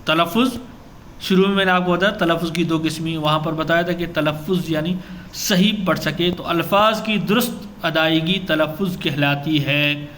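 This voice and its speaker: A man's voice: on the high side, fairly even intonation, fairly bright tone. Guy teaching exam prep, quizzes himself as he goes, roomy echo. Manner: explanatory, asks and answers own questions. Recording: echoey room with faint ambient noise.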